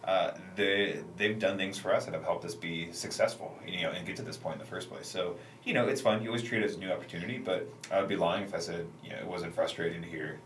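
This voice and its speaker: A man's voice: low-pitched, fairly even intonation, fast talker, few pauses, fairly bright tone. A man speaking as a startup founder on a casual panel, loose and conversational, peppering his talk with filler phrases. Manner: loose, conversational, leans on 'you know' and 'like'. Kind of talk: casual panel interview answers. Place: echoey room, radio show recording. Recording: echoey room, distant mic, slight noise.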